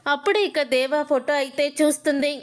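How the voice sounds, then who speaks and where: A woman with a high voice narrating a TV serial recap. She retells events steadily, leaning on the same filler phrases. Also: flat delivery, a little fast.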